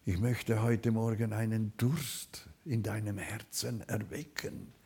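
A man preaching a sermon, fervent, swinging between loud calls and quiet asides. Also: lowish voice, steady tone, slow pace, vocal fry, husky.

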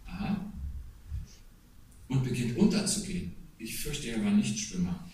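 A man's voice: medium pitch, sing-song, measured pace, darkish tone, distant mic, a little hiss or hum. Man preaching in a very echoey hall. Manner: conversational preaching with asides to the congregation. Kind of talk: sermon.

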